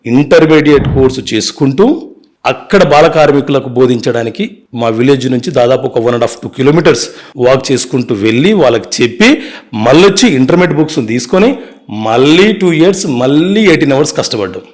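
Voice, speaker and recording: A man, an advocate telling his life story in an interview, earnest and brisk, mixing in English words. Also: mid-range voice, animated, darkish tone.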